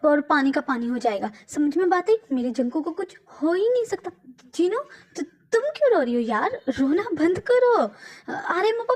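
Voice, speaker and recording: A woman's voice: sits high, pitched above the performer's own voice. Woman voicing a frantic grieving young wife. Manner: sobbing, stammering, pleading.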